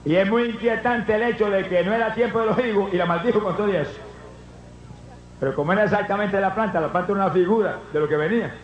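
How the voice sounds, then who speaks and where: A man preaching a fervent revival sermon to a congregation, breaking into loud shouts of praise. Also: high-pitched, slight background noise. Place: church hall. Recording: echoey, dull lo-fi church recording.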